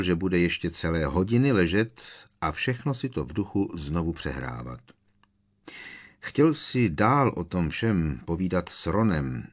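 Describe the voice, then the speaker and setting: A man reading an audiobook in steady storytelling narration. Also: sits low, breathy edge. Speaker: audiobook reader.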